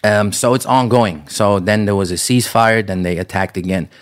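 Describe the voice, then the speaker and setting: A man raised in the Netherlands speaks at a normal speed in a fairly low voice. He's a podcast guest in a casual interview, relaxed and loose, dropping fillers constantly.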